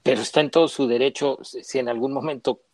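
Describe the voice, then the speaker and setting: A man's voice: medium pitch, steady tone, fast talker, darkish tone, no echo. A man giving his opinions on football in casual panel talk. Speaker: sports panelist. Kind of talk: casual sports chat.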